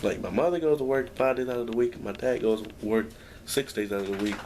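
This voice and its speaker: A man's voice: medium pitch, fast talker, darkish tone, slight background noise. A young man talking to his camera at home in a rambling, downbeat personal vlog, full of restarts and sighs. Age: young adult. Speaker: vlogger. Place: at home, indoors.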